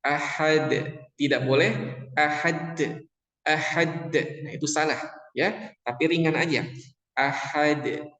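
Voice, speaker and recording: A man's voice: fairly high pitch, steady tone, slow pace, pauses often, fairly bright tone. A man teaching Quran recitation, patiently repeating syllables and chanting verses to show correct pronunciation. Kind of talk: tajwid lesson with chanted demonstrations. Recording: echoey room with long reverb.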